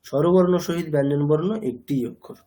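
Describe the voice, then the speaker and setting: Guy teaching a class, kinda high voice, patient, keeps quizzing students, drops in english words. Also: steady tone, a little fast, dark tone. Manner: mixes English words into his talk. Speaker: language teacher. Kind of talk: classroom lecture.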